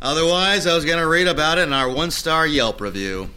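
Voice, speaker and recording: A man's voice: fairly high pitch, a little fast, sharp tone, clear, resonant tone. Man playing a sarcastic grumpy repairman. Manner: sarcastic, mocking.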